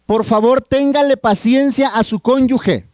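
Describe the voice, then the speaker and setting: A middle-aged man with a Mexican accent, a family therapist preaching at a marriage retreat, earnest and drawn-out, often asking the audience questions. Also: very high voice, darkish tone, dry recording. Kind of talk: sermon.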